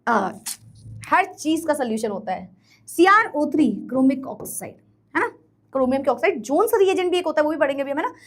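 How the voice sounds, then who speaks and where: High-voiced woman teacher, lively and teasing, lecturing an online class. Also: brisk. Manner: animated, teasing, mimics students. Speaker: chemistry teacher.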